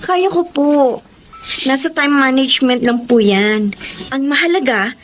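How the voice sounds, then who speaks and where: An actress playing a devoted, resolute young Filipino student, earnest and respectful in a radio drama. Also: female voice, high-pitched, unhurried, slight background noise. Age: young adult.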